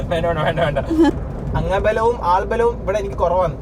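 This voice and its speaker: A Malayali man from Kerala telling a family story, casual, laughing, talking loud from a car. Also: high voice, normal speed, noisy background. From Kerala, India. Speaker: family vlogger. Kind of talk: casual vlog chat. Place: in a car on city roads.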